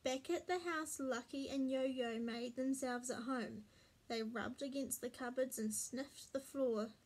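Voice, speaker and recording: A woman reads a children's picture book aloud in a slow, clear, expressive storytelling voice. Her pitch sits high, and she takes her time over every line.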